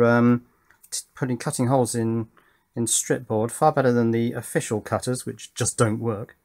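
Here a middle-aged man, average in pitch, comes across as a tinkerer at his indoor workbench. Casual and practical, he narrates his thoughts and poses questions to himself while working.

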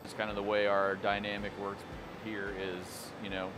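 A man's voice: on the low side, completely flat delivery, normal speed, background noise. A man in his thirties, a brewery co-owner, talking casually and a bit hesitantly, with many fillers. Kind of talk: casual on-camera explanation. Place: brewery taproom and brewhouse. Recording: music playing behind.

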